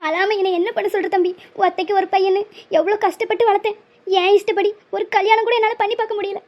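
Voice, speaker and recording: On a muffled, lo-fi recording, a woman performs an emotional, stubborn, middle-aged cartoon mother, talking fast in a very high voice. The character pleads melodramatically and piles on guilt.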